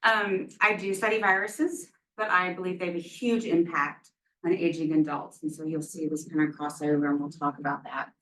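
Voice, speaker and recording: This infectious disease lecturer speaks on the low side, with fairly even intonation, a moderate pace, and a fairly bright tone. Her academic talk on a virus is chatty and full of ums and offhand self-deprecating remarks. The recording comes from far back in a roomy lecture room.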